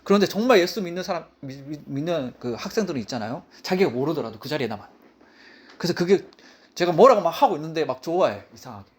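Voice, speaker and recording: A man preaching a sermon as pastor, his voice pitched high and swinging widely up and down. He leans hard on his points and repeats key phrases for emphasis. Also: expressive, fast.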